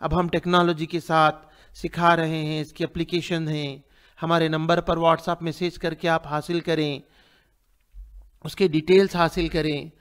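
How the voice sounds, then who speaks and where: A man teaching Quran pronunciation, reciting verses in long drawn-out phrases and sternly correcting mistakes. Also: on the high side, little pitch movement, fairly bright tone, clear, resonant tone. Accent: Hyderabadi Urdu. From India. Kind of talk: tajweed lesson, reciting and correcting.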